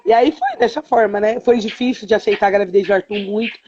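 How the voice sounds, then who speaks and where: A woman's voice: medium pitch, fast talker, mellow, muffled recording, a little hiss or hum. A woman telling her own story as a mother in a live stream interview, with hesitant fillers and quoted dialogue. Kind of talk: emotional personal testimony on a live stream.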